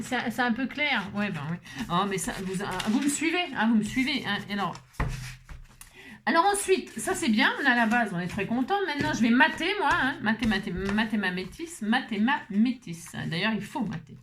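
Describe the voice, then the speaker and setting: A chatty woman talks her viewers through a craft project at her table, rambling and asking for their reactions as she goes. Her voice sits a little high, with a faint hiss behind it. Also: a bit bright. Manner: chatty, rambling, constant "hein" asides to viewers. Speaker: crafting channel host. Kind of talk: casual crafting chat to viewers. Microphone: camera set up on the table.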